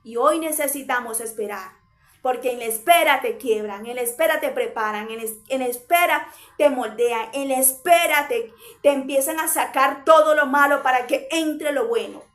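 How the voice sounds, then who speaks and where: A woman's voice: high voice, normal speed, a bit bright, echoey room. A woman preaching a sermon, hammering her point home in short, repeated parallel phrases.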